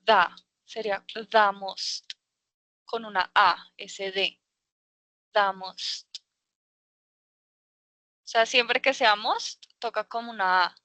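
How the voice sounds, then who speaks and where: Lady teaching english over a video call, talks slow, bright tone. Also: mid-range voice, steady tone, dry recording. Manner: patient, explains slowly with many fillers. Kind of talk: online class.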